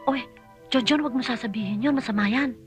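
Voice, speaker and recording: A woman's voice: fairly high pitch, a little fast, soft background music, close to an everyday voice. An actress playing a mother in a film comedy who coaxes her son and plots behind his father's back. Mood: coaxing. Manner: coaxing, conspiratorial. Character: scheming indulgent mother.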